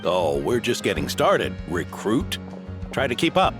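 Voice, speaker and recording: An actor playing an older knight captain close to retirement in a video game, jovial and coaxing, eager to keep working. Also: male voice, lowish voice, wildly swooping pitch, unhurried. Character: veteran male knight captain, hearty and restless. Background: game music.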